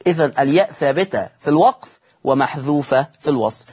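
Egyptian guy teaching quran reading on tv, kinda high husky voice, says stuff twice and quizzes himself. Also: animated, quick pace, darkish tone. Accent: Egyptian Arabic. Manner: repeats key points, asks and answers his own questions. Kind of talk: televised religious lesson. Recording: studio broadcast.

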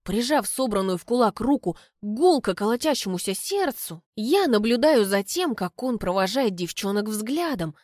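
Lively woman narrating an audiobook. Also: fairly high pitch, normal speed, hardly any pauses, dry recording, clean studio sound. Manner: lively, ironic storytelling. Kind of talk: expressive first-person audiobook narration.

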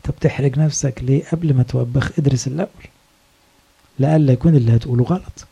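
An Egyptian-accented priest preaches in a casual, storytelling way and keeps asking his listeners questions. His voice is very dark and husky. He talks quickly. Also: mid-range voice. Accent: Egyptian Arabic. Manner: conversational storytelling, rhetorical questions. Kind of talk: sermon.

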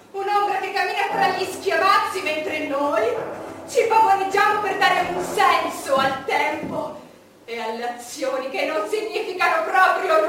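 An actress playing a proud, bitter, lonely queen starved of love, in a declamatory theatrical monologue with deliberate phrasing and dramatic pauses. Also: very high-pitched. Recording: very echoey, distant stage recording with noise.

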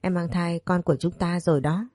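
A woman reading the lines of a caring young husband who speaks calmly and reassuringly. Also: on the low side, brisk, no echo, close to an everyday voice. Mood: soothing.

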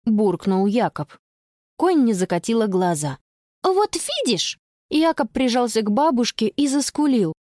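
A woman reads a children's story aloud in an expressive, storytelling way. Her voice sits fairly high with very lively intonation. The recording is dry and close. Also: normal speed, no room sound. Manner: expressive storytelling, bright voice for the girl. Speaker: audiobook narrator. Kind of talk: scripted narration.

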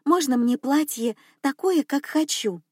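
A woman's voice: sits high, lively intonation, measured pace, no room sound, studio quality, voice pushed up. A woman voicing an eager young granddaughter who talks in a breathless, gushing way. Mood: excited.

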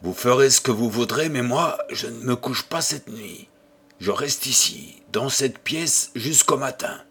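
A man voicing a fearful, superstitious companion who gives hushed, hurried warnings. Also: medium pitch, lively intonation, slightly rough, exaggerated voice.

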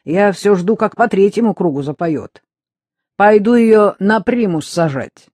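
A reader doing a brash, loud ex-convict young woman. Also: medium pitch, animated, measured pace, no echo, clean studio sound, voice pushed up. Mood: bossy. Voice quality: loud, mocking, laughing.

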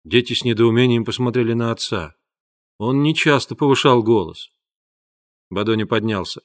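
A man narrating an audiobook in a calm, measured storytelling voice. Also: mid-range voice. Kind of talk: scripted narration.

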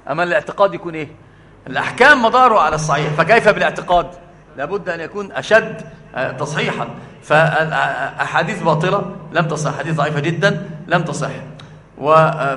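An Egyptian Arabic-accented male religious lecturer explains a book of religious creed, posing rhetorical questions and repeating his key phrases. His voice sits on the high side with a bright, forceful tone, and a long reverb tail trails behind it.

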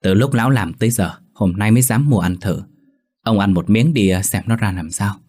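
A man's voice: fairly low pitch, moderate pace, darkish tone, husky. A man voicing a bossy, short-tempered middle-aged village mother. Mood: coaxing.

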